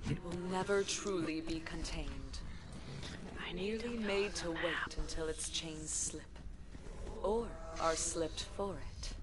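Foreboding female game narrator: slow, low, solemn prophecy over a hissy recording. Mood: ominous.

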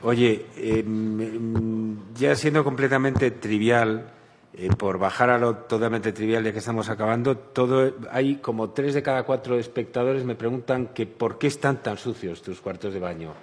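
A man's voice: medium pitch, moderate pace. Man moderating a panel in a hall. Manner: stammers on openings, conversational. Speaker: panel moderator, museum director. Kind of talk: panel discussion. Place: large auditorium. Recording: reverberant auditorium, faint hiss.

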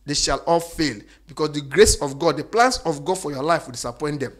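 A man preaching emphatically, repeating phrases and swinging between loud declarations and quiet asides. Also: fairly high pitch, fairly quick. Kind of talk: preaching monologue.

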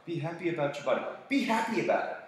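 Speaking very fast in a slightly high voice, a man gives students a casual, enthusiastic motivational talk about fitness. He's animated and acts out voices whenever he quotes someone, and the room is very echoey.

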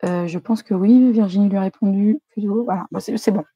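Brief: female live-stream host, mellow tone, dry close recording, chatty, reads viewer chat aloud. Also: mid-range voice, brisk, husky, no room sound, muffled recording.

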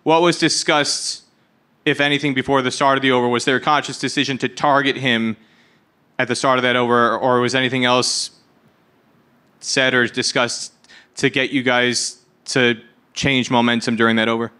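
Crisp, flat-voiced cricket reporter. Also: male voice, medium pitch, moderate pace. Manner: detailed, precise questions. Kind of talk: press conference question.

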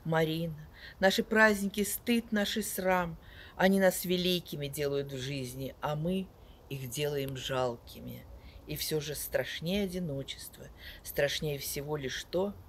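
An older woman gives a dramatic poetry declamation, recorded outdoors a step or two from a phone. Her delivery is expressive and measured. She pushes emphatically into key words, then lets the ends of lines drop away. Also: lowish voice, slight background noise. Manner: expressive, measured declamation with emphatic swells and falling line endings. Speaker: poet reciting another poet's verse. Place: outdoors in a leafy garden beside a wooden house and on wooded paths.

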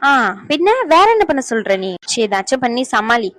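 A woman's voice: on the high side, very animated, moderate pace, no echo. Woman voicing an exasperated cartoon granddaughter. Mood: explaining. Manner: blunt, exasperated explaining. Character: exasperated young granddaughter, blunt and bossy. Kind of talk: cartoon family drama voice acting.

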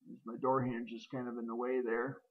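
Here a middle-aged homesteader shows off his old barn, inside and out, filmed on a handheld camera. He talks a little fast in a level, mid-range voice, rambling hesitantly with many ums and uhs, and the sound is narrow and tinny.

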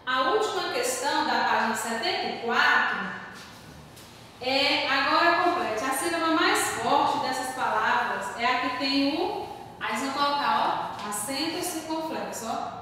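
A high, bright-voiced woman from Brazil gives a children's lesson, sounding far from the mic in a very echoey room with faint hiss. She talks slowly, spelling out each word carefully and calling herself by her own name. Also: animated. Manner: slow, careful word-by-word dictation, stressing syllables; calls herself "tia" in the third person. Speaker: primary school teacher. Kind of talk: remote class lesson, correcting exercises.

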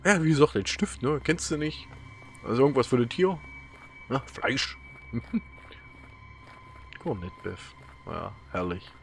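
A man's voice: medium pitch, very animated, unhurried, vocal fry, long pauses, a bit bright, faint music behind. A man with a German accent giving casual let's-play commentary, rambling and telling stories with many fillers and laughs. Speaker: gaming YouTuber.

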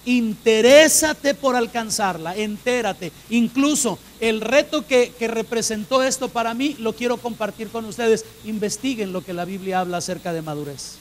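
Male preacher, very high-pitched voice, emphatic sermon, repeats phrases, asks the congregation questions. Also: moderate pace, hardly any pauses, a little hiss or hum. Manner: emphatic, repeats phrases to drive points home. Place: church.

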